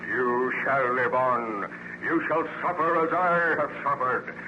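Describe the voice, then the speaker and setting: A man plays a bitter, menacing monster in an old radio horror drama. He declaims in archaic, grandiose phrases at a very deliberate pace. The recording is dull and clearly noisy. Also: mid-range voice, steady tone, close to an everyday voice. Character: vengeful man-made monster, male, menacing, bitter and contemptuous. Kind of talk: old-time radio horror serial acting.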